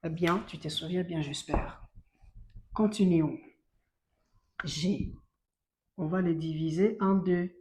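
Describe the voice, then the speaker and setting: A woman with a Rwandan accent teaching a beginner French lesson. She drills syllables slowly and clearly, repeating them and getting louder on each drill. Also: lowish voice, fairly even intonation.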